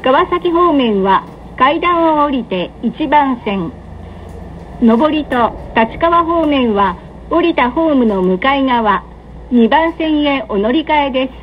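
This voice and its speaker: A woman giving scripted automated train announcements in a polite, measured, formal manner. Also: high voice. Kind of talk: scripted recorded onboard announcement. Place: train carriage public-address system. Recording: dull lo-fi train PA, running noise. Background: train ambience.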